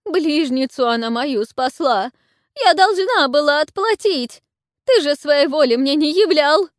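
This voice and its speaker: A woman voicing a frightened, wheedling old witch with a shrill, wailing manner and folksy speech. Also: expressive, measured pace, no room sound, studio quality.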